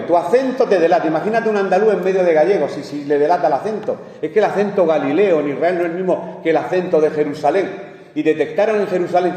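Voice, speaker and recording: A man's voice: a little high, warm tone, far from the mic. A man from Spain preaching a sermon in a church, in a conversational way, joking with the congregation and chuckling often. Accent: Spanish from Spain. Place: church hall. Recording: echoey hall, voice from afar.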